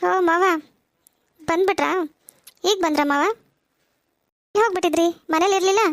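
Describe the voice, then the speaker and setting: A shy, polite young woman in a cartoon, voiced by a woman speaks in a very high, light voice. She sounds soft-spoken, and the recording is dry and close. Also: moderate pace, no room sound. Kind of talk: cartoon voice acting.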